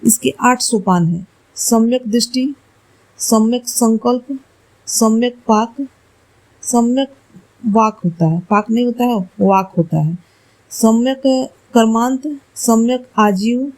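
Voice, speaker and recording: Woman, exam-prep teacher; unhurried, dark-toned delivery; works through questions, fixes slips aloud. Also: fairly high pitch, poor audio. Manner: slow, deliberate explaining, corrects herself aloud. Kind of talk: reading quiz answers for exam study.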